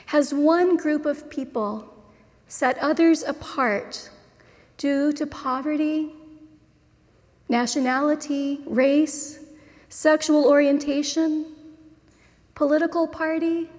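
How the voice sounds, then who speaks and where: A high-pitched woman delivers a sermon at an unhurried pace, weighing each phrase. Her voice rings with the long reverb of a large church hall. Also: darkish tone. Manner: slow, deliberate preaching with measured pauses. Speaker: pastor.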